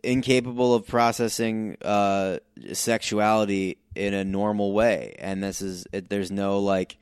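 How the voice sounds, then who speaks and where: A man with a very low voice talks as a guest on a podcast. His tone is smooth and the sound is close and dry. He starts over often while working through his thoughts. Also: fairly even intonation, dry recording. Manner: halting, restarts often, reflective. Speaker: comedian guest. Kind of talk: casual podcast chat.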